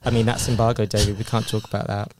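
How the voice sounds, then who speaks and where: A man's voice: fairly low pitch, little pitch movement, quick pace, darkish tone, a little hiss or hum. A man chatting casually on a podcast about soap operas, talking through stories with lots of fillers and restarts.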